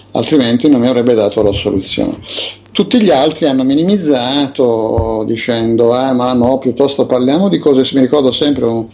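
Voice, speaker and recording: A man's voice: mid-range voice, a little mellow, lo-fi sound. A man, an investigative author, recounting his experiences with indignant emphasis and frequent hesitations.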